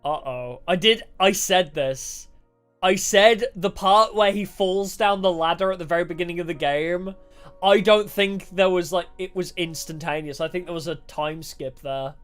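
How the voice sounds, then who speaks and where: A woman livestreamer giving casual game commentary, with animated reactions and chatty asides. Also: on the low side, normal speed. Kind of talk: casual game commentary, reading dialogue aloud. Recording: music playing behind the voice.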